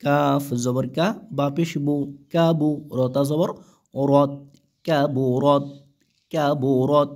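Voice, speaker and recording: A man's voice: on the high side, little pitch movement, slow, long pauses, darkish tone. A man with a Bangladeshi Bengali accent teaching Quran reading, spelling each syllable aloud and then drawing out the joined word. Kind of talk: slow letter-by-letter recitation lesson.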